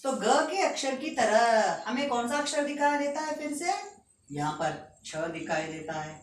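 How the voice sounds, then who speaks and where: A woman teaching a school lesson, patiently reciting letters one by one and explaining them slowly. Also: on the high side, lively intonation. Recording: echoey room, distant mic, faint noise.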